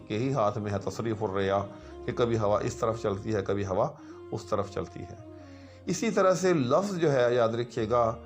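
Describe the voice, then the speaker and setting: A male Arabic grammar teacher talks through a patient lecture at a mid-range pitch, now and then checking in with his listeners. He recites word forms slowly, one at a time, and faint music sits under his voice. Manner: patient, repeats terms and checks with "right". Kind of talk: explanatory lecture.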